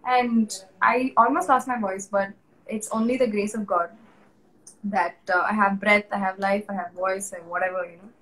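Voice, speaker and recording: Speaking at a moderate pace with a medium pitch and steady tone, a young Indian English-accented woman recounts her personal testimony as an interview guest. She's candid, emotional and earnest, restarting at times and laughing softly. The recording is rough.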